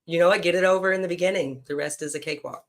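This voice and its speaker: A man's voice: high-pitched, steady tone, rapid-fire, a bit bright. A man hosting a casual podcast conversation, chatty, blunt and teasing with his guest. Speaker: podcast host.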